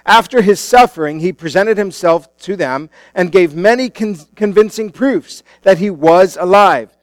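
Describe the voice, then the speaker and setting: Man preaching at a pulpit microphone, high pitch, dry close sound, casual delivery full of ums and restarts. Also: measured pace, no echo. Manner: casual and conversational, with frequent fillers and restarts. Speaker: pastor. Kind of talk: sermon. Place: church sanctuary.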